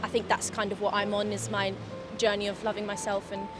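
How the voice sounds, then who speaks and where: A woman's voice: medium pitch, monotone, fairly quick, over music. A woman in her early twenties, answering a street interview with many hesitant fillers. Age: young adult.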